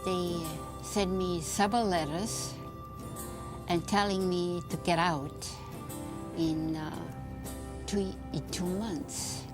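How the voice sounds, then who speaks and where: A woman tenant telling her story in a hesitant, halting testimonial. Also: fairly low pitch, steady tone. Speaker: tenant facing eviction. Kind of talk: personal testimonial. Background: guitar music.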